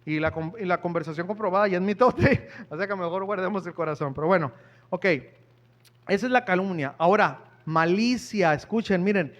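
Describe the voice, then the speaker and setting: A man's voice: sits high, a little fast. A man preaching a sermon in church, talking conversationally and asking the congregation questions.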